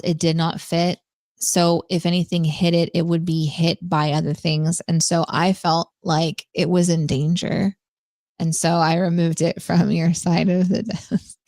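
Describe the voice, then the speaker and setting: A woman's voice: lowish voice, little pitch movement, a little slow, a little mellow, no echo. A young woman co-hosting a live podcast, bubbly and giggly in easy chat. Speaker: podcast co-host. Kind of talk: casual live-stream chat.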